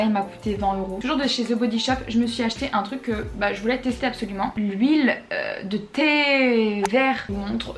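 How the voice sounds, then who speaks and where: A young woman from France chatting casually about her shopping haul as a vlogger, slangy with quick asides. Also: a little high. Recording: echoey room with faint music.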